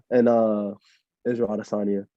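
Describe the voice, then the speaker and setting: A relaxed young man answers interview questions in a low, very dark and flat voice, rambling with plenty of fillers. The sound is dry and a little muffled, with no room around it. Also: measured pace, gravelly, no room sound. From Miami, USA. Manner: laid-back, rambling with many fillers. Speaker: interview guest, fighter. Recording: muffled lo-fi audio.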